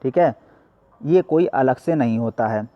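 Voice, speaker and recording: A man's voice: mid-range voice, animated, measured pace, no room sound, highs cut off. A male teacher giving a classroom lesson, asking questions and answering them himself.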